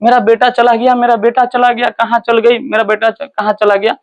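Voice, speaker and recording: A man's voice: very high-pitched, flat delivery, moderate pace, muffled recording. A man voicing a grieving village mother. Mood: bitter grief. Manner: wailing, pleading. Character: grieving village mother crying for her lost son.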